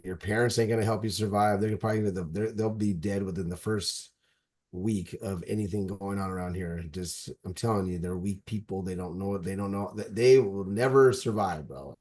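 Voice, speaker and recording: A man in his forties talks casually on a podcast in a deep, darkish voice. He rambles and speaks emphatically, frequently restarting his sentences.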